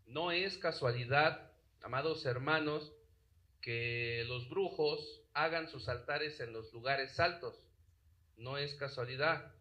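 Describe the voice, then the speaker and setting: A man's voice: mid-range voice, slow, sharp tone, poor audio. A man preaching a sermon who keeps asking his congregation questions and checking that they follow along. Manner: asks the congregation rhetorical questions.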